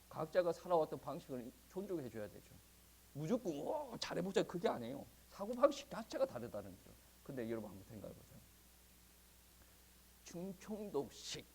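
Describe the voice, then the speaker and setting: Husky, animated male pastor. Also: a little high. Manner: conversational and animated, with frequent chuckles. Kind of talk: sermon. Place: church.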